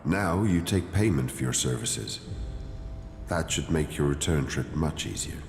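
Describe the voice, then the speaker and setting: A man's voice: rumbling low, expressive, unhurried, heavily acted. An actor playing a stern, haughty male cleric leader in a video game, speaking formally and condescendingly. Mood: stern, disdainful. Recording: echoey hall reverb, music underneath.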